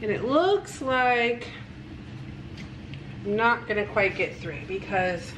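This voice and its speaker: A woman's voice: mid-range voice, animated, takes it slowly, noisy background. A woman in her thirties chatting casually in a home vlog, rambling and practical as she shows food and craft supplies. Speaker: family vlogger. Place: home kitchen and dining table.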